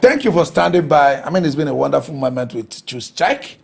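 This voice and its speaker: A man's voice: on the high side, very animated, fairly quick, gravelly, a little mellow, husky. A man hosting an interview who affirms his guest with short prompts and steers the talk along. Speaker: interview host.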